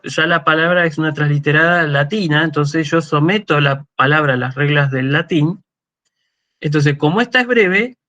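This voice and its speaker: A university lecturer with an Argentine Spanish accent, his voice sitting a little higher than most men's. He works through his points patiently, thinking aloud, with small restarts along the way. He keeps tossing a quick "¿sí?" to the class. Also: bright, forceful tone. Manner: explanatory, often checks in with a questioning "¿sí?".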